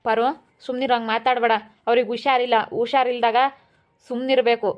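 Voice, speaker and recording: A woman playing a caring young niece who soothes in a rapid, firm way, in an amateur family drama. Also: a little high, flat delivery, lightly acted. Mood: soothing. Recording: dull lo-fi home recording.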